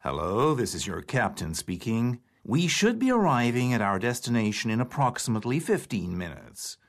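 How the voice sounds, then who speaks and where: A man's voice: mid-range voice, very animated, normal speed. A man playing an airline captain who gives a formal, scripted flight-crew announcement to passengers. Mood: courteous, official. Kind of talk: scripted test-audio announcement.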